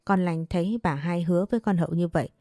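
A woman storyteller reads a scripted tale in an even, steady way. Her voice is low and mellow, and the recording is dry and close. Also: quick pace, no echo.

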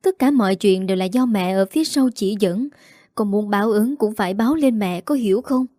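A woman's voice: medium pitch, fairly quick, dark tone, no room sound, clean studio sound, close to an everyday voice. A woman reading the lines of a ruthless older mother in a drama recap, speaking cold and firm. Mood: soothing.

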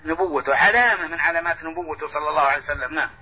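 Quick, bright-voiced sheikh teaching a lesson. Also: male voice, fairly high pitch. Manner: corrects and restates points, repeating phrases. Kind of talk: explanatory lesson commentary. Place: large mosque lesson hall. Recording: dull lo-fi old tape recording.

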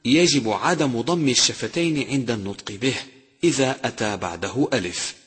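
A man's voice: mid-range voice, fairly bright tone, breathy edge. Man teaching recitation in a reverberant hall. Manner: slow, deliberate demonstration of pronunciation. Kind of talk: instructional lesson with recited examples.

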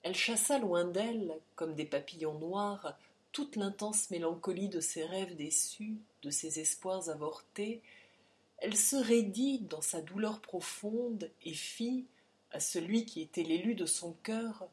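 A woman reading a novel aloud in measured, theatrical storytelling narration. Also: on the low side, darkish tone. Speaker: audiobook narrator. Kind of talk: scripted dramatic narration.

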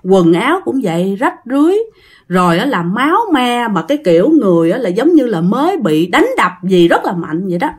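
This Southern Vietnamese woman has a mid-range voice with big pitch swings, a little mellow with a breathy edge, and she talks fairly quickly. She chats her way through a ghost story, addressing her listeners directly.

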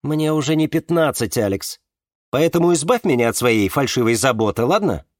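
A man reading a novel aloud, voicing a bitter, sharp-tongued young woman with a raised, biting voice. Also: medium pitch, lively intonation, normal speed, no room sound, studio quality, lightly acted. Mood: scornful. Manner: scornful, biting.

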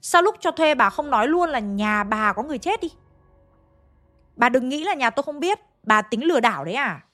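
A woman's voice: high voice, sing-song, a little fast, fairly bright tone, faint music behind, pitched above the performer's own voice. A woman voicing a young wife who angrily accuses a landlady of cheating. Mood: indignant. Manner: indignant, raised voice.

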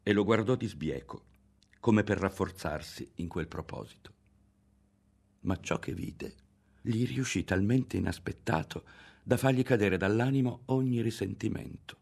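A man narrating a literary novel in a measured, expressive audiobook reading. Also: on the low side, creaky, slightly rough. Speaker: audiobook reader.

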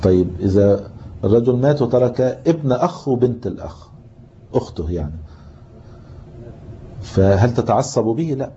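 A man's voice: medium pitch, animated, moderate pace, long pauses, dark tone. A man teaching Islamic inheritance law in a classroom lesson, with an Egyptian Arabic accent, explaining patiently and quizzing his students. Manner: explains patiently, asks the class questions, reads from the book. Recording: muffled lo-fi tape with faint hiss.

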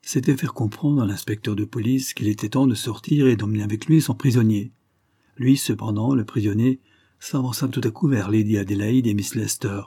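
Male audiobook narrator: low, mellow, husky, even delivery. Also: brisk, no room sound, studio quality. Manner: steady, even reading. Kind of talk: scripted narration.

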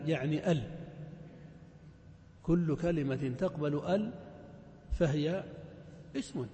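A man's voice: high voice, warm tone. A man teaching a grammar lesson in a mosque, explaining step by step with many examples and questions to his students. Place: large mosque hall. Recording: echoey hall reverb.

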